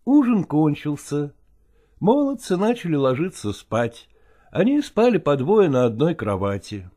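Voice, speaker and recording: A narrator reading a story aloud in a measured, expressive way, lowering the voice for narration.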